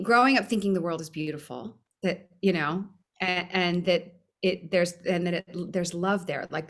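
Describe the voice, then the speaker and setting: A woman's voice: lowish voice, fairly bright tone. A woman from Hawaii hosting a casual interview chat, asking chatty, rambling questions. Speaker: podcast host.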